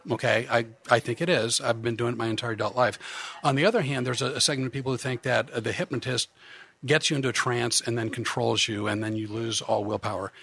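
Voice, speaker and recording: A man's voice: mid-range voice, steady tone, quick pace, vocal fry, a bit bright, breathy edge. A man who works as a comedian hypnotist, chatting as a podcast guest in a joking, self-deprecating way with many restarts. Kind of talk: casual podcast chat.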